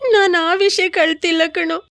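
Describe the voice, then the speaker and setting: A woman's voice: extremely high pitch, steady tone, brisk, creaky, a bit bright, no room sound, heavily acted. A woman dubbing a frightened young orphan woman who talks tearfully and pleads in a film. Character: frightened young woman, orphan, weeping over her brother. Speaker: dubbing actor. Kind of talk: dubbed film dialogue.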